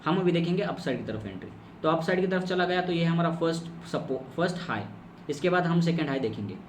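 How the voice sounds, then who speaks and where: A trading course instructor with a fairly high voice and lively intonation talks fast through a chart strategy in a screen-recorded lesson. He explains step by step, repeats key terms, and asks himself questions. The room echoes, the mic is distant, and there's faint noise.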